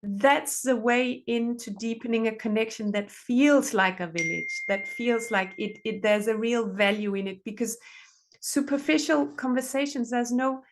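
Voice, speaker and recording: A middle-aged relationship therapist from Denmark, her voice on the higher side, chats at a moderate pace while guesting on a podcast. Her advice is heartfelt, and she repeats phrases to underline what matters.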